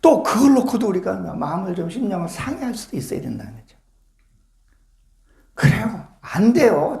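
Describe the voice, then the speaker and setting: A man's voice: high voice, darkish tone, roomy sound. A male pastor preaching a sermon to his congregation, fervent and full of rhetorical questions. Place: church sanctuary with congregation.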